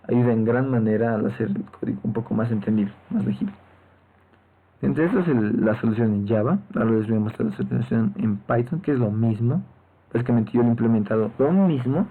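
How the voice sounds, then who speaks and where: Man, programming teacher, step-by-step lecture, frequent tag questions, mid-pitched voice, tinny phone-like audio. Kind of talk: screen-recorded lecture.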